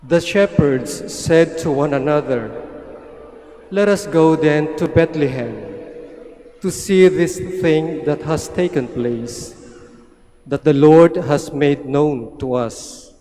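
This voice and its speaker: A male priest reads scripture at a slow, stately pace in a big church. His voice is soft-edged and solemn. Long cathedral echo trails each phrase. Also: fairly high pitch, slight background noise. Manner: solemn, measured delivery. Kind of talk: liturgical Gospel reading in a church. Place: large church.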